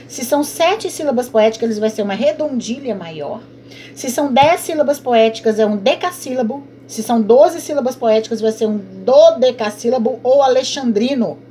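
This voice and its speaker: A woman teacher leads an online class, her voice a touch higher than most. She explains patiently and often asks and answers her own questions. A faint noise hangs under the recording. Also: darkish tone.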